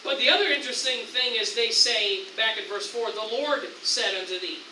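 A high, very bright-voiced American pastor preaching in a roomy church. The voice carries from some distance from the mic, with faint hiss beneath it. He preaches in an animated way, jumping into excited lines as he acts out tempters. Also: moderate pace. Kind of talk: sermon. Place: church sanctuary.

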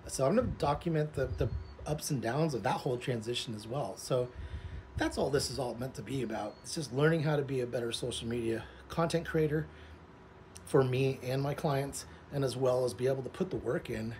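A vlogger and social media content creator in his forties, he talks to camera in a mid-to-low everyday pitch, fairly quick and a little mellow. He drifts informally from one thought to the next while outdoors in a pool. Ambient outdoor noise is clearly heard around his voice.

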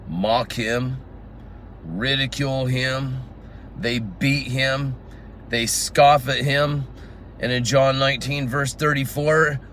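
Slow, bright-voiced man teaching scripture. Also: medium pitch, slight background noise. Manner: reads scripture aloud and explains it verse by verse. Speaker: Bible teacher. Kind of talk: informal Bible teaching. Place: outdoors in a garden.

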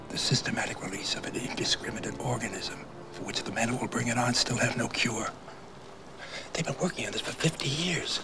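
An actor playing a paranoid older conspiracy writer who talks in a hushed, urgent whisper, heard from a worn VHS tape copy. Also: male voice, on the low side. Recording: hissy worn videotape copy.

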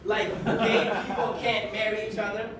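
A young male comedian from Kenya performs a stand-up routine on a small comedy club stage, with a wry, conversational delivery, deadpan punchlines, and a high voice at normal speed. He uses a handheld mic but is filmed from far back in the audience. The result is a distant, echoey club sound with audience laughter and a noisy background.

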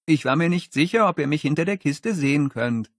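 A man's voice: a little high, expressive, brisk, dry recording, clean studio sound, pitched above the performer's own voice. A man voicing an earnest, polite, over-eager schoolboy in an audiobook, with a formal way of talking.

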